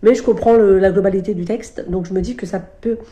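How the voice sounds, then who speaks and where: A woman talks casually about her current reads in a warm, mellow voice. She is chatty and unhurried, often stopping mid-sentence to find the right word. Her voice carries a noticeable echo from the room. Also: mid-range voice, steady tone, dull audio. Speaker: book vlogger. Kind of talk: casual chat about books she is reading.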